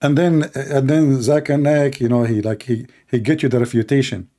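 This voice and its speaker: Sarcastic man, mellow voice. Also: mid-range voice, steady tone, moderate pace. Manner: mocking, sarcastic. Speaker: video host. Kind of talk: comedic commentary.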